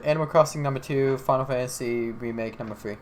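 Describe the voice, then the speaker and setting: A man's voice: mid-range voice, fast talker, noisy background. A young man from Alabama co-hosting a casual podcast, joking around, swearing freely and rambling. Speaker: podcast co-host. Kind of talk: casual chat.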